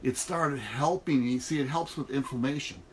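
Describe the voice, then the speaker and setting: With a mid-range voice at normal speed, a middle-aged man who markets networks online talks casually and emphatically in a folksy, motivational vlog. He's recording inside an RV trailer, and background noise is noticeable.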